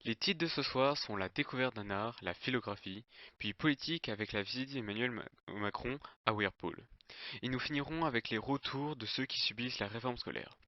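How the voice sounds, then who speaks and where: A man's voice: medium pitch, brisk, no room sound, highs cut off, close to an everyday voice. A man playing a formal evening news anchor presenting headlines in a parody bulletin.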